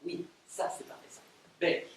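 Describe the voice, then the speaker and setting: Heard from a distance in a cavernous theatre with faint background noise, an actor voices an impatient, condescending man in a play. His delivery is unhurried and natural, while the character is exasperated, haughty, and in a scheming mood.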